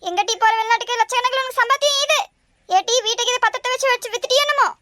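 Shrill nagging old mother-in-law. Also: rapid-fire, pushed and bright, a little hiss or hum. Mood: scolding. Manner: scolding, nagging. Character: bossy scolding older mother-in-law. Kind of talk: cartoon voice acting.

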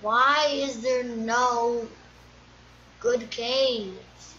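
A woman casually mutters to herself while playing a survival game, streaming let's-play commentary. Her voice is fairly high, bright, and forceful, with fairly even intonation and an extremely slow pace. The recording is dull and lo-fi with faint noise.

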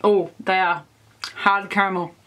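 A woman's voice: mid-range voice, level tone, unhurried, a bit bright. An Australian woman chatting enthusiastically in a casual food taste-test vlog, full of "like" fillers. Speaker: food vlogger. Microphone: camera on tripod.

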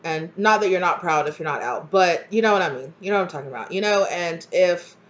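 Sounding a little congested from a cold, this tarot reader in her thirties talks to the camera from her kitchen, offering a casual, comforting channeled reading packed with fillers and tangents. She speaks briskly in a lowish voice, picked up by a desk-distance webcam with slightly dull audio.

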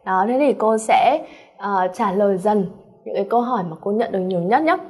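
A woman teaching an English exam-prep lesson with a Vietnamese accent, animated and checking in with her students often, referring to herself by name. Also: medium pitch, fairly quick, breathy edge. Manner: calls herself by name in third person.

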